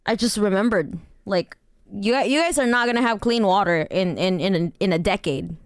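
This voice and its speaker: Woman streamer, smooth and dry. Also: medium pitch, normal speed, no room sound. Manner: rambling, laughs often, swears casually. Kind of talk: casual livestream chat.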